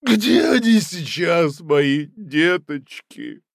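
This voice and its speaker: Storybook villain: a wailing, self-pitying theatre tyrant, gravelly and high. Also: male voice, lively intonation, drawn-out words, dry recording, clean studio sound, full character voice. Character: self-pitying tyrant puppet-theatre master, middle-aged man. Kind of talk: audiobook character voice.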